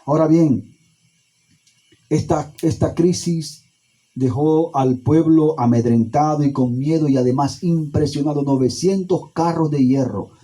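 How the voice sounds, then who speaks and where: Man preaching a sermon, deep mellow tone, kinda husky, lots of pauses. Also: poor audio. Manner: preaching with emphatic pauses and repetition. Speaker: pastor.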